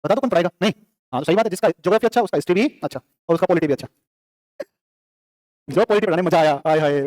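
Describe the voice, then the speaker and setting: A male teacher, lecturing a classroom, quizzing students and answering his own questions in quick repetitive drills. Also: sits high, animated, a little mellow, no echo.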